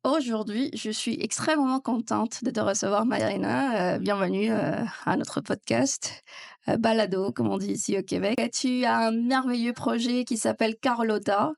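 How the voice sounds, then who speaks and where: A woman's voice: fairly high pitch, fairly even intonation, moderate pace, creaky, dry recording, clean studio sound. A woman hosting a podcast, welcoming her guest and asking questions with a few fillers. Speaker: podcast host. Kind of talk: interview, casual conversation.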